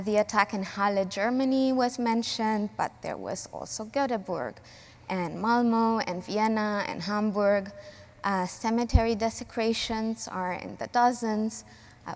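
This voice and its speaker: A Romanian woman speaks as a civil society panelist in a large hall, her medium-pitched voice earnest and measured. She pauses often and uses plenty of fillers.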